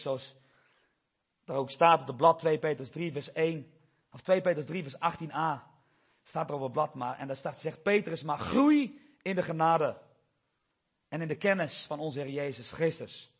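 Husky-voiced man preaching a sermon. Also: fairly high pitch, normal speed. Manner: earnest, quotes scripture, rises and drops in volume.

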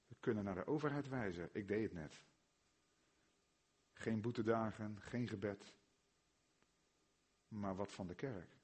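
A man with a Netherlands Dutch accent preaching a sermon, firing rhetorical questions and swinging from hushed tones to loud emphasis. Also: lowish voice, a little slow, long pauses, breathy edge.

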